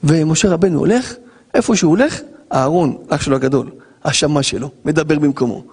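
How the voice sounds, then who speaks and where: A man, a rabbi, giving an animated Torah lesson, acting out scenes and firing rhetorical questions at listeners. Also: on the high side, breathy edge, in a large hall.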